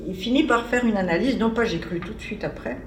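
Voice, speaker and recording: A woman with a medium-pitched voice talks fast in an informal academic seminar, wandering off on tangents as if thinking aloud. The seminar room is echoey, the mic sits far off, and there's slight background noise.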